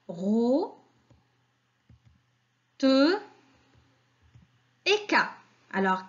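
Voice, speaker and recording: A woman's voice: sits high, lo-fi sound. A woman teacher giving a patient phonics lesson to young children, asking questions and praising answers.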